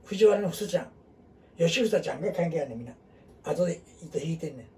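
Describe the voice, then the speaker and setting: A middle-aged man with a Kansai accent teaches in a loose, rambling way, dotting his talk with fillers and asides. His voice is high for a man, gravelly and mellow, and it swings a lot in pitch. He sounds a little distant from the microphone. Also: animated, fast talker. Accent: Kansai Japanese. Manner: rambling, talks in dialect with many fillers and asides. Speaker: teacher of a group. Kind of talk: casual classroom talk.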